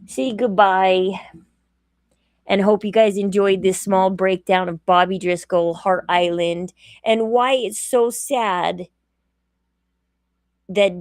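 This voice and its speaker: A woman hosts her own livestream in a loose, rambling monologue, often stopping to correct herself. Her voice carries a gravelly fry and she sounds tired. She takes her time, and the sound is dry and close. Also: mid-range voice, no room sound. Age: adult. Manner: rambling, chatty, self-correcting. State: tired, yawning. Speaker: livestream host.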